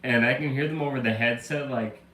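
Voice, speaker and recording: Streaming from a room at home, a man who's recovering from the flu still has a slight cough. His medium-pitched voice is steady, brisk and a bit bright as he rambles through a story full of fillers, in an echoey room with a faint ambient hum.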